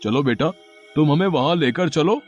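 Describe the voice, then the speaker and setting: A woman voicing an adult neighbor man in an animated horror story, prone to stammering panic. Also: deep voice, normal speed, highs cut off, soft background music, pitched below the performer's own voice. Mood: calm.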